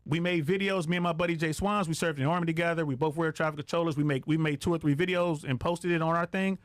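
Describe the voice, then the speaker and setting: With no room sound, a middle-aged man speaks quickly in a higher voice with fairly even intonation. He's a retired air traffic controller guesting on a podcast, casual and slangy, hammering his points home by repeating himself.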